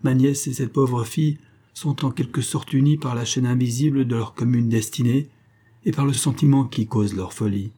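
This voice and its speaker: A man voicing a grieving old male country doctor who tells a sad story in a measured way. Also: mid-range voice, steady tone, warm tone, husky, close to an everyday voice. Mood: sorrowful.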